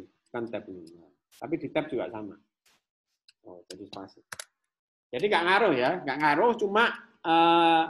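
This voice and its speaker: A male programming lecturer with an Indonesian accent, casually explaining code in a live class, repeating himself as he thinks aloud. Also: a little high. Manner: repetitive, thinks aloud while demonstrating.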